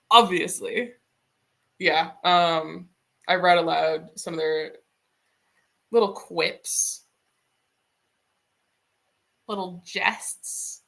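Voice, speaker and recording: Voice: medium pitch, very slow, creaky, pauses often, a bit bright. A streamer in a casual drawing stream, musing aloud and swearing casually.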